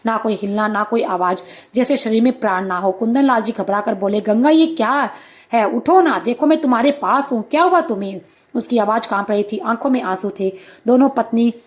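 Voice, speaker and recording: A woman storyteller giving a scripted narration of a moral story, in a steady, dramatic way. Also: a little high.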